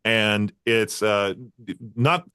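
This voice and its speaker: A male podcast host speaks very slowly in a lowish, bright voice that's forceful, clear and resonant. During a casual interview chat he rambles through long stories, laughing and using many fillers. The audio is clean studio sound with no room noise.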